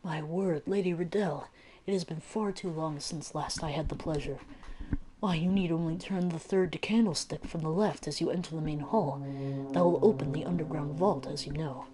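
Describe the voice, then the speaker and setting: A woman's voice: low voice, moderate pace, background noise, lightly acted. Woman reading a rambling, grieving old man. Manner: rambling, lamenting. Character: grief-stricken, rambling old man in a manor. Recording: game music playing underneath.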